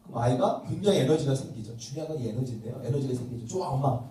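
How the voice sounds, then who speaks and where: A pastor with a mid-range, mellow voice speaks rapid-fire with lively intonation while teaching a parenting workshop at church. He questions the audience and acts out parent-child exchanges. The church welfare hall classroom audio is reverberant, from a distant mic with faint noise.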